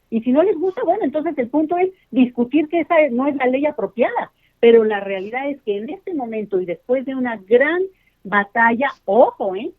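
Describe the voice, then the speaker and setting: A woman speaking as an expert guest in a phone-in interview, emphatic and explanatory, talking straight to the listeners. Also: a little high. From Mexico. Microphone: telephone. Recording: tinny phone line.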